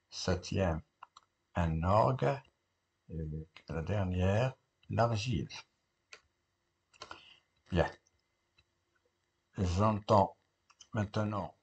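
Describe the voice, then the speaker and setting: Slow, gravelly-voiced male teacher. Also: sits low. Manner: slow, repetitive classroom explaining, spelling out letters. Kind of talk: correcting a French grammar test.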